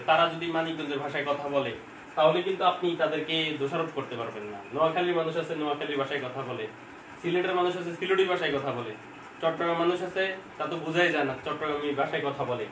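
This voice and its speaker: A man with a fairly high voice talks fast as he teaches an informal online exam-prep class from home, chatting conversationally and often answering his own questions. The recording is echoey with faint hiss, and he sits far from the mic.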